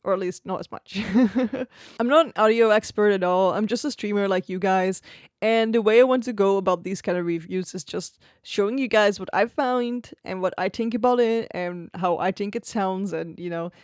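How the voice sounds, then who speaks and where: A woman streamer with a medium-pitched, darkish voice chats at normal speed about her gear in casual tech review talk. Easygoing and laughing often, she sits close to an arm-mounted XLR studio mic at her home desk, and the recording is dry.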